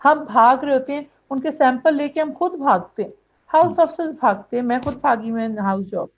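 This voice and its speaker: A woman doctor hosting an interview, asking earnest questions and mixing English into her talk. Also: sits high. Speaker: host and doctor. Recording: dull lo-fi sound.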